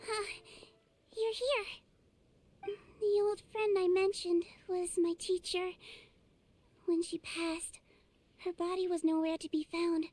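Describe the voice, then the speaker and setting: A woman voicing an earnest, determined young girl healer in a video game, with a small childlike voice and gentle, careful manner. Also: very high voice, flat delivery, takes it slowly, pauses often. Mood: wistful. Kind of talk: video game story dialogue. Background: music.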